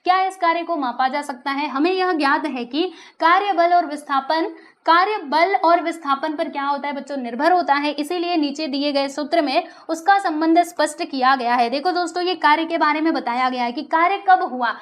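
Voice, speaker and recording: A woman's voice: high-pitched, moderate pace. A woman teaching a science lesson to schoolchildren, calling them dear children, asking questions and answering them herself. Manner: asks questions and answers them, checks in with "right?"; addresses listeners as dear children.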